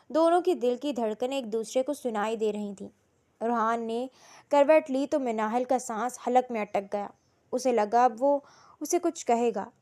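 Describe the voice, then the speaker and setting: A woman reading a romance novel aloud in slow, emotional storytelling narration. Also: on the high side, darkish tone.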